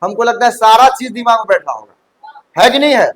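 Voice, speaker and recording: High-voiced male coaching teacher. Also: animated, fairly quick, fairly bright tone, poor audio. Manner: checks understanding often, mixes English terms into Hindi. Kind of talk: classroom lecture. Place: classroom.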